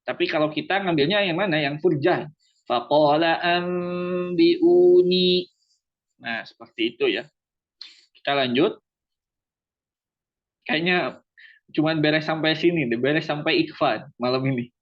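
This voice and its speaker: A man teaching Quran recitation in an online class. He explains each rule as question and answer and slows down to demonstrate the recitation. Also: a little high. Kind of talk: online tajwid lesson. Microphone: online class microphone. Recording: dull lo-fi online audio.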